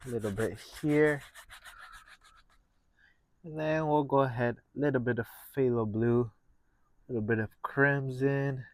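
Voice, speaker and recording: A man hosting a painting lesson, talking through each step casually in a gentle, encouraging manner. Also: mid-range voice, measured pace, long pauses, no echo. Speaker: painting instructor and show host.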